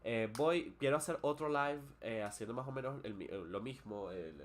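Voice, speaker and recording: At a normal speed and in a mid-range voice, a man explains English words and their pronunciation on a live stream, with a bit of background noise. His delivery is loose, with hesitant fillers and restarts, and he mixes Spanish with English.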